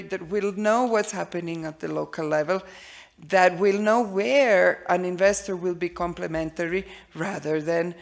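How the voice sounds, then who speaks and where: A woman giving measured remarks on a conference panel, often restarting her sentences. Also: on the low side, creaky. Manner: measured, frequent restarts and fillers.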